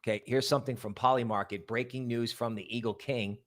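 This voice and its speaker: A man speaks briskly in a mid-range, somewhat bright voice with fairly even intonation. He's a livestream host chatting casually and ramblingly, repeating words for emphasis while giving shout-outs to viewers and promoting stuff.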